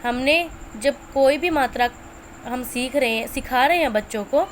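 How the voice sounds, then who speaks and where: A woman teaching young children's letter sounds, stretching and repeating each sound slowly. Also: high-pitched, a little hiss or hum. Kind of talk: Hindi lesson for teachers and parents.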